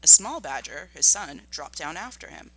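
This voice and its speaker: School teacher doing a read aloud lesson, super bright voice, expressive and up and down. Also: medium pitch, moderate pace, creaky, rough recording.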